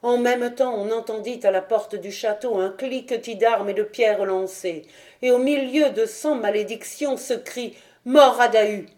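A woman reading a legend aloud as an audiobook narrator, with dramatic, expressive storytelling. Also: fairly high pitch, a little slow. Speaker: audiobook reader.

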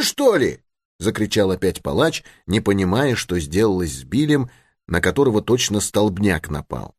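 A man narrating an adventure novel in an expressive storytelling style. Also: low voice, no echo, studio quality. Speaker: audiobook narrator. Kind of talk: scripted narration.

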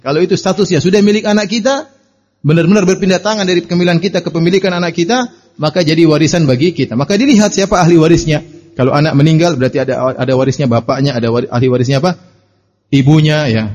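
Man, preacher answering questions, slightly high voice, dull lo-fi recording. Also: darkish tone. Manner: conversational, answers questions, tags with "ya". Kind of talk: religious study lecture.

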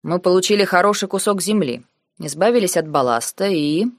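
A woman reading the lines of a cold, calculating noble uncle in an audiobook, measured and sarcastic. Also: on the low side, expressive, no room sound, studio quality. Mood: cold, lecturing. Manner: measured, lazy, coldly sarcastic.

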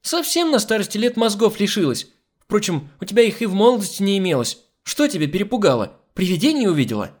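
A man's voice: sits high, huge pitch swings, normal speed, few pauses, pitched above the performer's own voice. A man reading an audiobook, voicing a domineering, scornful society mother who scolds her maid. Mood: scolding. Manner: scolding, haughty.

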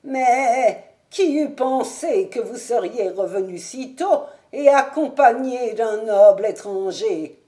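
Woman doing a shaky old male servant, fretful, high voice, drawn-out speech. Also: lively intonation, dark tone. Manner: quavering, fretful, exclaiming. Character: trembling old male castle servant, fussy and anxious.

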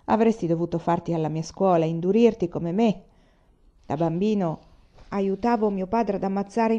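A woman reading the lines of a calm, hard-hearted male rebel leader, blunt and unsentimental. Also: mid-range voice, lo-fi sound, natural voice.

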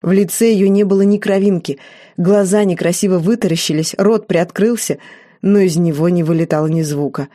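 A woman's voice: on the low side, steady tone, a little fast, warm tone, no room sound, clean studio sound. Woman narrating an audiobook, wry. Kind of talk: scripted narration.

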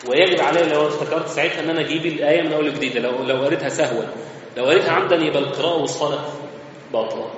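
A man's voice: fairly high pitch, a bit bright, a little hiss or hum. A man with an Egyptian Arabic accent giving a religious lesson in a mosque, explaining step by step in a conversational way. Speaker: religious teacher. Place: large mosque hall. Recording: echoey mosque hall, slightly muffled.

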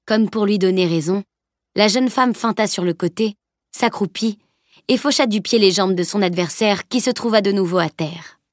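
A woman narrating an audiobook in a steady, even storytelling manner. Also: medium pitch, normal speed, dry recording, clean studio sound. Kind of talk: scripted narration.

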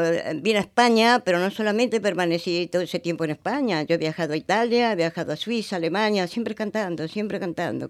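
An older woman from Argentina with an Argentine accent, telling her story in a radio interview in an animated way and acting out the voices she quotes. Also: lowish voice, clear, resonant tone, dry recording. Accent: Argentine Spanish. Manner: animated, acts out quoted voices, keeps asking "comprendes". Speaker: singer, guest.

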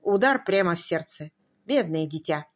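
A woman's voice: on the low side, expressive, normal speed. A woman voicing a dry, weary male doctor who speaks curtly. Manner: dry, curt.

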